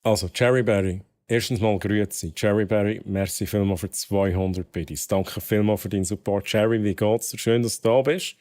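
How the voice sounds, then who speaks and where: A man's voice: on the low side, fairly even intonation, brisk, few pauses, a little mellow. A man with a Swiss accent talking casually as a live streamer, thanking and greeting viewers and mixing dialect and English slang into his German.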